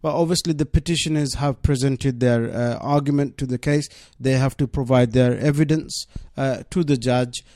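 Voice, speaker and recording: In a steady, medium-pitched, darkish voice, a Bengali-speaking deputy mayor answers radio studio interview questions at normal speed with hardly any pauses. There is no room sound, and he is earnest and insistent, repeatedly saying "obviously".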